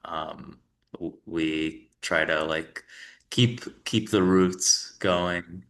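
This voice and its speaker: A deep-voiced young man from New York with a bright tone speaks very slowly as a guest in a casual interview. The company founder rambles in a relaxed way, with plenty of filler words and restarts.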